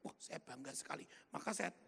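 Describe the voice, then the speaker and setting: A man's voice: brisk, sharp tone. A man giving a spirited sermon testimony at a revival meeting, telling the story animatedly and acting out the dialogue, recorded on a handheld mic with a long hall reverb. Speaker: lay preacher giving testimony.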